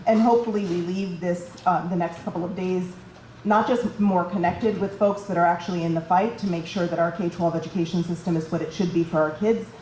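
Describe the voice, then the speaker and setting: Woman, panel moderator, lower voice, brisk and practical, echoey room. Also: a little mellow, a little hiss or hum. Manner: brisk, practical, some filler ums. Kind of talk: introducing a panel. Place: large conference room. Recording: echoey event room, faint ambience.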